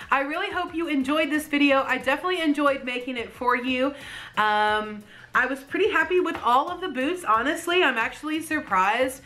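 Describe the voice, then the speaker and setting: A woman's voice: a little high, pushed and bright. A young adult woman vlogging casually to camera, upbeat and chatty, asking her viewers questions. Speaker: fashion vlogger.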